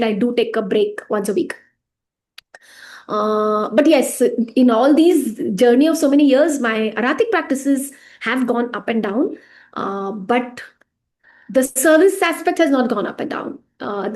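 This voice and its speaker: Answering interview questions, a pranic healing teacher talks casually and with energy, laughing often. Her slightly high voice tends to fade softly as each phrase ends.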